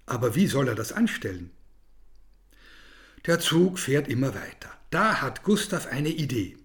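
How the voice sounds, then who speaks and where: A man narrating a children's story in an expressive, storytelling manner. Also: medium pitch, measured pace.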